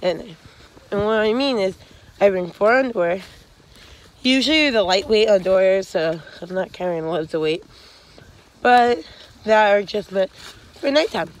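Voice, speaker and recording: Slow, rambling young woman vlogging outdoors. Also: mid-range voice, animated. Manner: rambling, frank, many fillers and restarts. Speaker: hiking vlogger. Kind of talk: casual advice vlog. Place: outdoors on a wooded trail. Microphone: phone held at arm's length.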